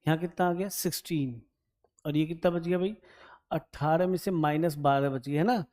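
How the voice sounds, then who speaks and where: A man's voice: a little high, moderate pace, darkish tone. A man teaching an exam-prep maths lesson, solving a problem step by step. He thinks aloud as he calculates, hums while checking numbers, and keeps turning to his students with "right?". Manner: chatty, addresses students directly and keeps asking "right?".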